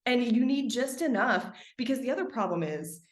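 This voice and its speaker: An animated, fairly quick woman speaks in a reverberant room during a conversational podcast interview where she's the guest. Expansive and reflective, she talks at length and leans heavily on "like"; she's a trained singer who speaks beneath her singing range.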